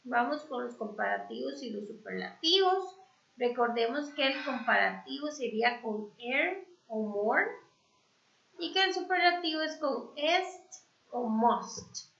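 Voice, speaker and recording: A woman teaching English in Spanish, slowly going over grammar in a review class with many fillers. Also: high-pitched, vocal fry, pushed and bright. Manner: slow, explanatory, with fillers. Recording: echoey, dull lo-fi sound.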